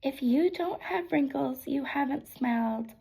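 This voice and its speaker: A woman with a voice affected by being sick gives a gentle, encouraging whispered ASMR pep talk, reading affirmations aloud with casual asides in an unhurried way. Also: high-pitched, gravelly. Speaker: ASMR creator.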